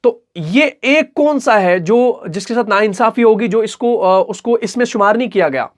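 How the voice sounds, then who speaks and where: A man giving a recitation lesson for an online class, patient and methodical. He sounds out each example word slowly and carefully, then pauses to ask if the listener is following. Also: high voice. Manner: stretches example words out slowly, checks in with "okay?" often. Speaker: Quran recitation teacher.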